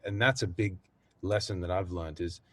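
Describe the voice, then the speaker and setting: An Australian man, a singer and voice coach, talking earnestly and reflectively as a guest in a casual interview, often pausing and restarting his thoughts. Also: deep voice, dry recording.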